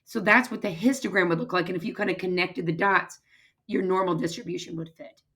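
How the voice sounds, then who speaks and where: A woman with a hoarse, raspy voice that is giving out, explaining step by step as a math teacher in an informal recorded lecture. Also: fairly low pitch, steady tone, brisk, fairly bright tone. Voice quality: husky, raspy, strained voice. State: hoarse, losing her voice, throat-clearing.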